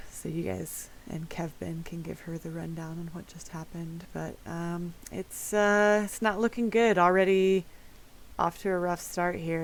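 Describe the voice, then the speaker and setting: A woman's voice: on the low side, low-quality recording. A woman narrating as game master in a casual, giggly way, with lots of fillers.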